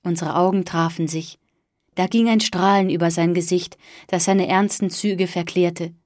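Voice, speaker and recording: A woman narrating a story in the first person with a calm, even delivery. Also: on the low side, moderate pace, dry recording, clean studio sound.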